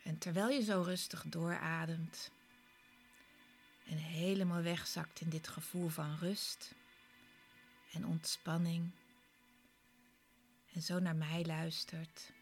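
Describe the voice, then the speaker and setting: Female relaxation guide: low, hushed, breathy near-whisper, unhurried phrasing, calming music clearly underneath. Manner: slow, short instructions with pauses. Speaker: relaxation exercise instructor. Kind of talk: soft, soothing guided relaxation with breathy, part-whispered delivery.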